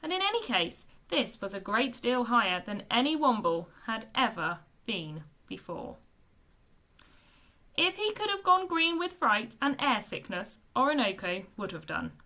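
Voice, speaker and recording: Woman teacher, expressive storybook read-aloud, high and animated. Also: measured pace. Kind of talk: reading a children's book aloud.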